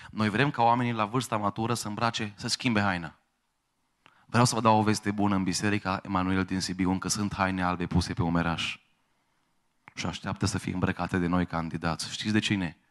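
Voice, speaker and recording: A male pastor preaching a sermon in church, quoting voices and building to loud raised passages. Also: fairly low pitch, flat delivery.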